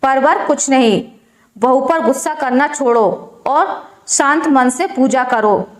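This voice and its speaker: A woman voicing a calm, wise older man, a father-in-law who gently lectures his wife. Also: sits high, slow. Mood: calm advice. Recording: roomy echo.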